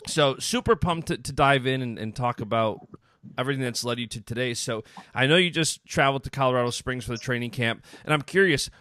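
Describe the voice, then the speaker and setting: A man's voice: medium pitch, brisk, sharp tone, no echo, clean studio sound. A man hosting a podcast in a conversational way. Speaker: podcast host.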